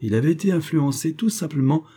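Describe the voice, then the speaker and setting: A man reading a classic novel aloud as audiobook narration, in a measured storytelling manner. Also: on the high side, animated, mellow, husky. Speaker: audiobook reader.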